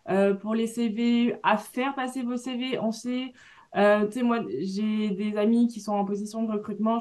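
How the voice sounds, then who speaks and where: A woman's voice: on the high side, darkish tone. A woman with a French accent speaking as an alumna on a panel, giving students direct, encouraging career advice. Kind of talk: panel talk, advising students.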